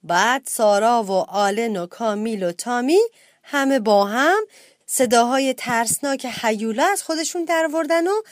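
A woman reading a children's bedtime story aloud with expressive delivery. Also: no room sound, studio quality. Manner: expressive reading, lifts pitch for children's shouts.

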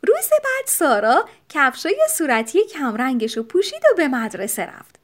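A woman narrating a children's storybook with expressive, animated storytelling. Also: sits high. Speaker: audiobook narrator.

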